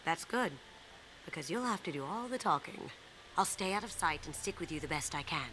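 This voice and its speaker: Low, sly, cocky game thief, clear hiss of background noise. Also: female voice, lively intonation, a little fast, low-quality recording. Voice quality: confident, sly, softly spoken. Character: cocky, playful female master thief. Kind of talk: video game dialogue.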